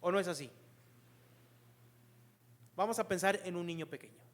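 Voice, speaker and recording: A man's voice: high voice, normal speed, long reverb tail. A man preaching a sermon as pastor, earnestly explaining and asking the congregation rhetorical questions.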